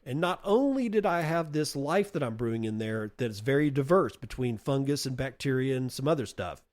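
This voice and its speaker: A podcast host with a somewhat high, slightly mellow voice delivers an enthusiastic explanatory monologue on a topic. He's emphatic and folksy, full of rhetorical questions and playful comparisons, and often repeats words while he thinks.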